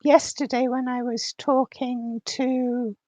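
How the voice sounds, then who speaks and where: A woman's voice: high-pitched, little pitch movement, slow pace, a little mellow, no echo. A woman co-hosting a casual livestream chat, her voice coming through glitchy, robotic voice-chat distortion. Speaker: livestream co-host asking questions.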